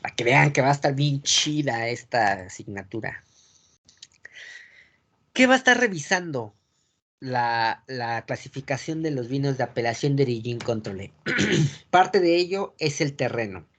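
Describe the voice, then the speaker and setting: A man with a Mexican accent teaching a class, often checking that students follow and filling pauses with "este". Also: medium pitch, sing-song, fairly bright tone. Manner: keeps checking the class follows, asking "sale?"; frequent filler "este" and restarts. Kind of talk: classroom lecture. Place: classroom with a board.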